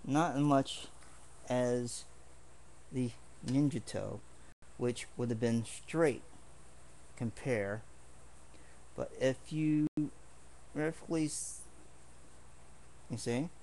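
A man's voice: mid-range voice, drawn-out words, long pauses, darkish tone, a little hiss or hum. A man casually showing his swords in a home video, talking in an earnest, rambling way with many restarts. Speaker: martial arts hobbyist showing swords.

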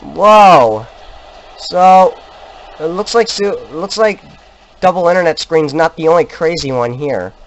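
A man with a high voice talks through a horror game at an unhurried pace, over a faint hiss in the background. He is jumpy and shrieks at scares. Each time, he jokingly insists he wasn't scared. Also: lively intonation. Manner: jumpy, yelps at scares then jokingly denies being scared. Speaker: gamer. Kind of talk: let's play commentary.

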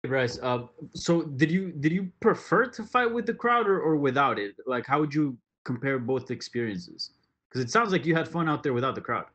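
Male sports reporter, average pitch. Casual interview questions, somewhat hesitant phrasing. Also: big pitch swings, moderate pace, a bit bright.

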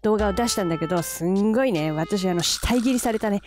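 A woman vlogging in a casual, chatty way, gushing and quick to laugh as she unboxes gear. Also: mid-range voice. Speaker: camera vlogger. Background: background music.

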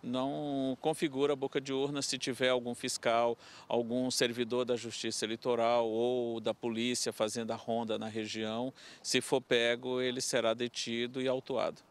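A man's voice: mid-range voice, flat delivery, normal speed, hardly any pauses, clear, resonant tone. A middle-aged man from Curitiba, an electoral court official, explaining voting rules into a handheld mic. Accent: Brazilian Portuguese, Curitiba. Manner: explanatory, advisory. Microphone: handheld reporter mic.

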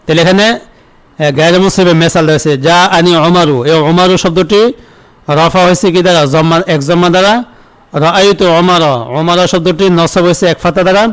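Man, Bangladeshi accent, online grammar teacher, fairly high voice, smooth clear tone, answers his own questions. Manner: asks questions and answers them himself, softer on the answers; reads verses slowly and repeats them. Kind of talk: online classroom lesson.

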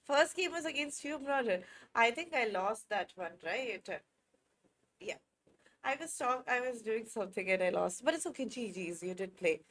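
A woman's voice: a little high, animated, moderate pace, a bit bright. Chatty young Indian woman streamer. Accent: Indian English. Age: 20s. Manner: chatty, reacts to chat, laughs often, self-corrects. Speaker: chess streamer. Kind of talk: casual live-stream chat with viewers.

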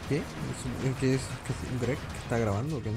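A man's voice: mid-range voice, normal speed, vocal fry, over music. A man giving casual commentary while playing a video game, chatting to himself as he plays. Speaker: gaming channel host.

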